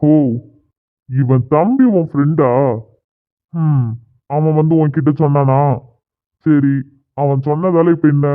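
A smug cartoon groom brushes off and threatens a gang of schoolboys, played by a man. His voice sits a little high, and it comes through tinny and phone-like. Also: steady tone, slow, long pauses. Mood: threatening. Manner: dismissive, threatening.

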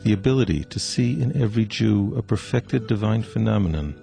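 Low gravelly male documentary narrator. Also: lively intonation, fairly quick, dark tone, soft background music. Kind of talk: scripted narration.

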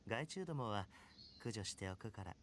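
A man voicing a suave young top-ranked gamer in a Japanese anime game, speaking with smooth, courteous confidence and quiet menace. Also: on the low side, expressive, slight background noise, close to an everyday voice. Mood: polite, confident. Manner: smooth, courteous, unhurried phrasing with cool confidence.

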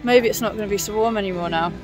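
A woman's voice: mid-range voice, racing, over music. Chatty young woman vlogging. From England. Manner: chatty, thinking aloud with fillers. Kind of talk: casual travel vlog chat. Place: outdoors on a canal narrowboat. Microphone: phone at arm's length.

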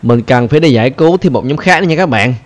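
A man with a Vietnamese accent hosting a gaming channel, talking excitedly and chattily to viewers over his gameplay, often repeating phrases. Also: medium pitch, fast talker. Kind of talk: casual game commentary.

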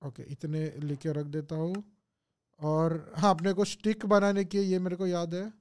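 A young gaming streamer chats casually during live gameplay, thinking aloud and replying to viewers' comments with English phrases thrown in. His voice sits high, clear and resonant with a darkish tone, unhurried and fairly even in intonation.

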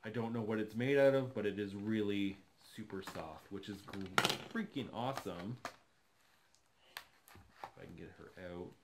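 A man's voice: on the low side, normal speed, noisy background. Chatty man unboxing a doll at home. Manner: chatty, enthusiastic, thinking aloud while handling a doll. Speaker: doll collector vlogger. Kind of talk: casual unboxing commentary. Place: living room, seated on a sofa.

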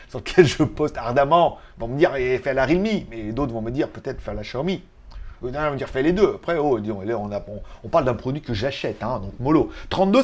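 A man hosting a casual tech news vlog, rambling in a chatty way with joking asides. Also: fairly high pitch. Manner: chatty, joking asides, laughs at own jokes.

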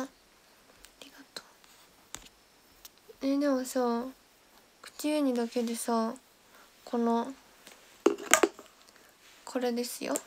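A young woman hosting a casual livestream, chatting and thanking viewers by name, sometimes dropping to a soft whisper, on a close mic indoors. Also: on the high side, a little hiss or hum. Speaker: idol livestream host. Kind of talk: casual livestream chat reading comments.

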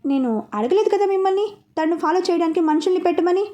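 A woman's voice: sits high, fast talker, mellow, lo-fi sound, natural voice. A woman reading the part of a suspicious young man who speaks firmly to his father in a storybook narration. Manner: suspicious, firm.

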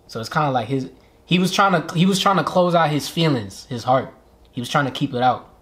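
A man's voice: on the high side, expressive, brisk, fairly bright tone. A man co-hosting a casual music video reaction, talking loosely and acting out quoted lines in put-on voices.

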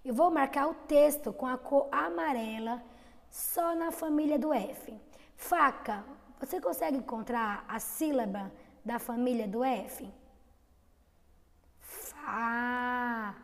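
A woman teaching young children in an online lesson, with a Brazilian accent, stretching out syllables slowly. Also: on the high side, vocal fry, big-room sound. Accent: Brazilian Portuguese. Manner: slow, drawn-out syllables for children. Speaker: kindergarten teacher.

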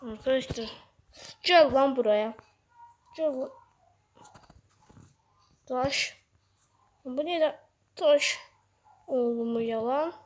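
A woman giving excited gameplay commentary straight to her viewers, yelping commands and sometimes dropping to hushed asides. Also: high voice, slow pace, pauses often. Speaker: gaming video host.

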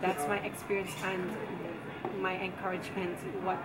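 Poised Guyanese woman answering over loud noise. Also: fairly low pitch, flat delivery. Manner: poised, deliberate pageant answers with emphatic repetition. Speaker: pageant contestant being interviewed. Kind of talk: pageant interview answers. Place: seated before a draped backdrop with potted plants. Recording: loud background noise, ambient sound.

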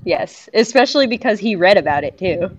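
A woman's voice: mid-range voice, lively intonation, a little fast, slight background noise. A woman casually playing an online tabletop game, speaking in a hesitant, easygoing way. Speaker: player. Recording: dull lo-fi sound with faint guitar music.

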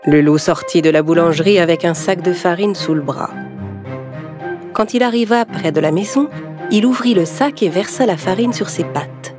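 Casting : une femme conteuse, ton posé, musique en fond. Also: female voice, fairly low pitch, normal speed. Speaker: narrator. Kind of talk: scripted storybook narration. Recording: narration over music.

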